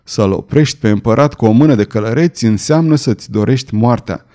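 A man narrating a romantic novel as an audiobook, reading in an expressive, theatrical way. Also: medium pitch.

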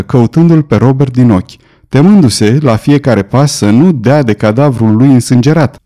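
A male audiobook narrator with a mellow, medium-pitched voice reads scripted narration in a steady, measured way.

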